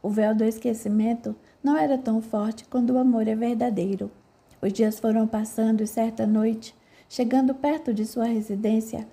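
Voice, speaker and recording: A woman with a Brazilian Portuguese accent reads a novel aloud in a steady, even manner. Her voice is very dark and mellow and sits a little high. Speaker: audiobook narrator. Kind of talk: audiobook narration.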